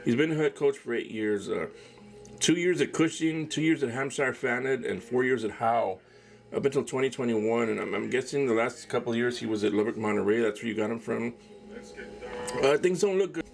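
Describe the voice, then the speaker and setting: A podcast host with a mid-range, gravelly voice runs a casual solo sports talk show at a fairly quick pace. He gives candid, opinionated commentary, rambles, uses plenty of fillers, and tends to finish phrases with "man."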